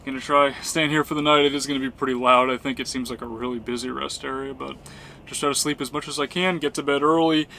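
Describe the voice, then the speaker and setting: An American man talking casually to viewers as a travel vlogger, in an easygoing, unhurried way. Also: medium pitch, fairly even intonation, creaky, pushed and bright, a little hiss or hum. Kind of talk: casual vlog narration.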